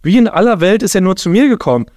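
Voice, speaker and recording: A man's voice: high voice, animated, fast talker, a little mellow, no room sound, clean studio sound. A timid young hobbit read by a man who whines and stammers. He sounds scared and small. This is a comic storybook-style reading on a podcast. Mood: whiny. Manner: whining, stammering.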